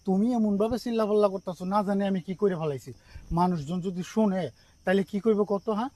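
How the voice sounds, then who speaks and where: A man's voice: sits high, a little fast, warm tone, no echo. A man, defensively pleading and stammering in a comedy sketch. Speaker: comedy skit performer. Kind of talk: scripted comedy sketch argument.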